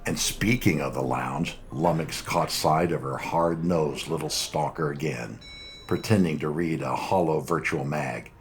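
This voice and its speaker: A man narrating a noir audiobook in a measured, dry storytelling manner. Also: rumbling low, a little hiss or hum.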